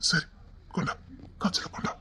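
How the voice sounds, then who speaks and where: A woman's voice: medium pitch, moderate pace, breathy edge, lightly acted. A woman doing a tearful, lonely man with a Tirunelveli accent. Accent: Tirunelveli Tamil. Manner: tearful, pleading, often hushed. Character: lonely, tender-hearted grown man, emotional. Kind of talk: emotional drama acting.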